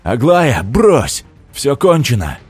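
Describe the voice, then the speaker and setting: A man's voice: mid-range voice, wildly swooping pitch, slow pace, a little mellow, husky, faint music behind, pitched above the performer's own voice, exaggerated voice. A man voicing a stern middle-aged army officer in an audiobook, barking commands. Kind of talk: audiobook character voice.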